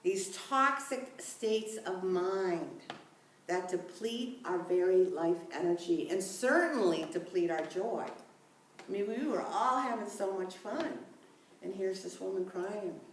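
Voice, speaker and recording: A woman's voice: mid-range voice, animated, slow pace, a little hiss or hum. A woman minister delivers a sermon in a conversational, storytelling manner, with chatty asides and easy laughter. Her voice carries a heavy echo from a church room. It is picked up from some distance away. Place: church sanctuary. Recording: echoey room, mic at a distance.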